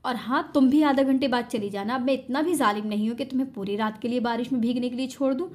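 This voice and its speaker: A woman's voice: a little high, fast talker, close to an everyday voice. A woman voicing a cruel, taunting young husband in a storybook reading, sneering under a sweet, mock-tender tone. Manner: sneering, mock-tender, then snapping angrily.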